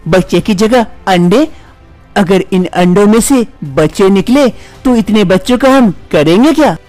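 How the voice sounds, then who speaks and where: A man's voice: high voice, animated, measured pace, a little mellow, soft background music. A man voicing a puzzled young adult son in a cartoon story, firing off questions.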